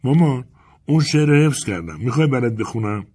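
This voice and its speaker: A man voicing a chatty, curious little girl in an audiobook, raising his husky voice with eager questions. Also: medium pitch, animated, dark tone, pitched above the performer's own voice.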